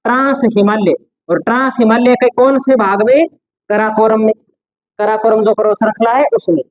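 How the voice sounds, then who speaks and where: Male teacher dictating notes slowly. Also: high-pitched, dry recording, rough recording. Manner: repeats key phrases slowly for note-taking. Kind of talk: classroom lecture dictating notes.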